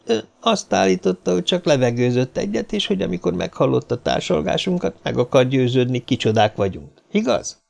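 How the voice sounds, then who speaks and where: A male narrator voicing a stern man who questions a suspect in a quiet, colorless voice. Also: mid-range voice, vocal fry. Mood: cold accusation. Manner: quiet, flat, accusing.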